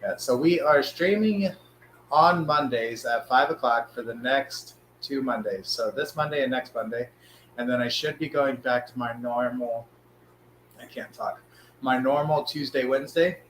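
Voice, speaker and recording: A man hosts a casual live stream in a hoarse, sick voice with a smoker's rasp. He chats informally at a middle pitch. The room is clearly echoey, with a faint hum behind him. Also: a bit bright.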